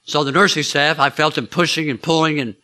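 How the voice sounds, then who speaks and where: Bright-voiced preacher telling a story. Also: male voice, a little high, fairly even intonation, a little fast. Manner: chatty, asks the listeners questions. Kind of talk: storytelling sermon.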